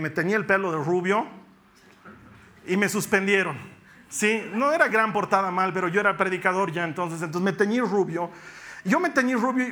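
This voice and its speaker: A man delivering a heartfelt sermon in a fairly high, bright and forceful voice. He tells stories from his own life, then slows right down and drops to a soft hush to drive a point home. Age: adult with young children. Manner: earnest, slows and softens on key phrases. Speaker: preacher. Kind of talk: sermon with personal storytelling.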